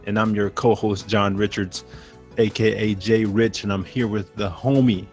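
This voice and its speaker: Slangy, animated man co-hosting a podcast. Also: fairly low pitch, normal speed, soft background music. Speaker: podcast co-host. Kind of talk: casual chat about sports.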